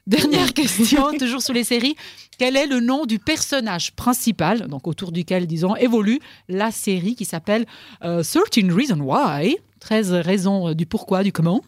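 A woman's voice: medium pitch, animated, normal speed, no echo. A woman hosting a radio quiz, teasing her guests and laughing often. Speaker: radio host. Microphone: studio microphone.

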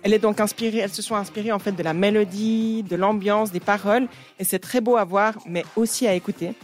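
A woman, telling the story behind a song in a lively way in her radio music segment. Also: medium pitch, brisk. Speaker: radio columnist. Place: radio studio.

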